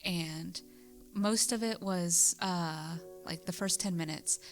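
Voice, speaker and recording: A woman's voice: on the low side, slow pace, soft background music. A young woman co-hosting a podcast, telling a rambling story in casual chat, with lots of "like" and frequent giggles. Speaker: podcast co-host.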